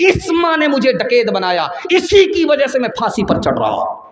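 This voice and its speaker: A man's voice: very high-pitched, wildly swooping pitch, reverberant, big-room sound, pitched above the performer's own voice, full character voice. A preacher voicing an anguished condemned young man. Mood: bitter, accusing. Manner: raised, anguished, shouting reproach. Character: defiant condemned young man bitterly blaming his mother.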